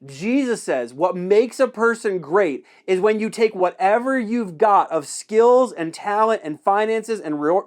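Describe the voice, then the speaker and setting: A man preaching a sermon in a conversational way, repeating key phrases for emphasis. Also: high voice. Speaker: pastor.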